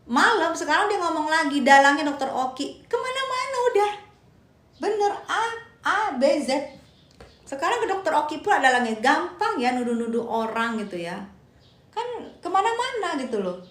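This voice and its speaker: A woman's voice: high-pitched, very animated, normal speed, a bit bright, echoey room. A woman giving casual live-stream commentary. She argues emphatically, repeats her points and answers viewer comments aloud.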